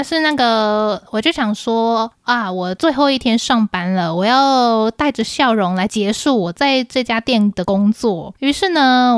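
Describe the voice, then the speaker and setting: A woman's voice: fairly high pitch, clean tone, no echo, clean studio sound. A young woman with a Taiwanese Mandarin accent, co-hosting a casual chat podcast and telling stories with acted-out dialogue and frequent laughs. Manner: animated storyteller, acts out dialogue, laughs often. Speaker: podcast co-host.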